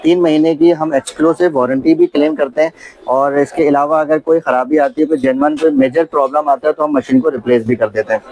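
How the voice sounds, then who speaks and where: This is a male shop seller with a Pakistani accent. His voice sits slightly high and he talks quickly. He presents his products as a fluent, detailed pitch, repeating stock selling phrases as he goes. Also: steady tone, a little mellow, poor audio. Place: computer shop.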